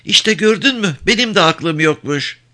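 A man's voice: high-pitched, animated, normal speed, bright, forceful tone, voice pushed up. A man reading a novel aloud, voicing a worldly, outspoken woman who talks bluntly. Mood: mocking. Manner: blunt, unabashed and mocking. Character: brash, worldly woman, a seasoned streetwalker.

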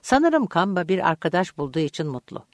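A man's voice: high voice, big pitch swings, brisk, dry recording, studio quality. A woman reading the part of a kindly, good-humoured middle-aged uncle in an audiobook. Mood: friendly.

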